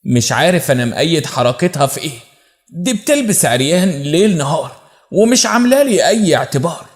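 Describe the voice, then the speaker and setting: Egyptian male storyteller, measured and dramatic, fairly high voice. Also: big pitch swings. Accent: Egyptian Arabic. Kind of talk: first-person dramatic story narration.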